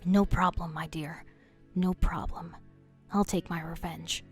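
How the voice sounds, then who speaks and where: A woman voicing a betrayed husband, a doctor plotting revenge, in an animated story; his speech is bitter and scheming. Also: lowish voice, a little slow, husky, faint music behind. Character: betrayed husband, a sick doctor turned vengeful.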